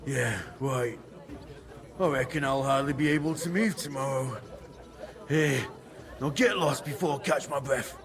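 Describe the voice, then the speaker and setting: An actor playing a gruff, worn-out male fist-fighter in a video game, curt and grudging. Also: mid-range voice, a little slow, pauses often, natural voice. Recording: crowd and music behind.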